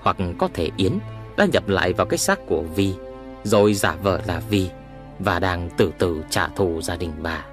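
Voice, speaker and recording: A man narrating a horror story in a dramatic, expressive reading. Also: low-pitched, moderate pace, over music.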